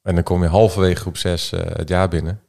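Brief: Dutch man, very low voice, halting storyteller in a casual chat. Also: level tone, creaky, darkish tone. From Netherlands. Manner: hesitant, filler-heavy storytelling. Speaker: guest. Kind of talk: casual podcast conversation.

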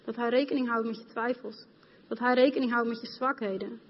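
Brief: female preacher, fairly high voice, passionate and direct with the congregation, long hall reverb, dull recording. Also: steady tone, a little fast. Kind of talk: sermon. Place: church hall.

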